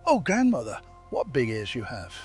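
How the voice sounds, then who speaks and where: A man's voice: medium pitch, huge pitch swings, normal speed, a little mellow, faint music behind. A man putting on an innocent little girl. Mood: wondering. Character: little girl in a red cap, innocent and trusting.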